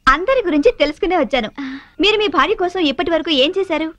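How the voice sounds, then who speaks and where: A woman playing a chirpy, flattering anchor in a comic film scene. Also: very high voice, fast talker, soft background music. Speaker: anchor interviewing residents. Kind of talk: film comedy dialogue.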